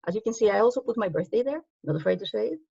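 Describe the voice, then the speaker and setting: A Greek-born woman, a native Greek speaker, gives a conference talk with slides in a loose, conversational style full of ums and self-corrections. Her mid-range voice is expressive, mellow and slightly rough with vocal fry, and she speaks very fast. The recording is dry and slightly muffled, with no room sound.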